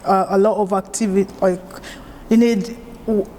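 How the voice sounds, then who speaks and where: Relaxed Ugandan-born woman chef, mellow voice. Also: mid-range voice, normal speed, long reverb tail, a little hiss or hum. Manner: relaxed, conversational with frequent fillers. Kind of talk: oral history interview.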